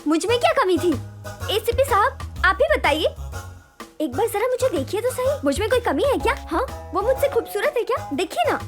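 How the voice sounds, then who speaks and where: A shrill demanding lady, very high, voice swoops all over, loud music behind. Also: very animated, brisk. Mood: indignant. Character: loud indignant woman at police station. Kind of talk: Hindi film dubbing. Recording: dubbed film with loud music.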